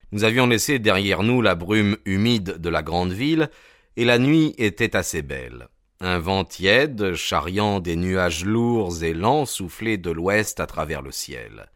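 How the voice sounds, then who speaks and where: Man, audiobook narration, measured, even, low pitch, dry sound. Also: dry recording.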